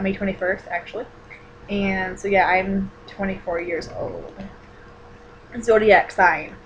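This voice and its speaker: A woman in her twenties chats casually in a vlog, answering personal questions in a mid-range voice. She rambles with lots of fillers and restarts, and the recording is muffled with slight background noise.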